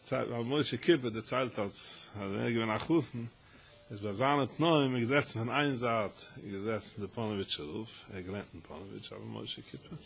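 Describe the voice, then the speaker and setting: A man giving a Torah lesson as a rabbi, telling stories with halting restarts and rising to loud, emphatic stretches. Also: on the low side, creaky. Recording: dull lo-fi recording with faint noise.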